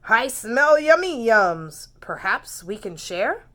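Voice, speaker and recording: A friendly storybook badger, put on by a woman reading aloud, calls out with cheery, booming eagerness. The voice is bright and a touch higher than plain talk, generous and welcoming in tone. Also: big pitch swings, slow pace, exaggerated voice.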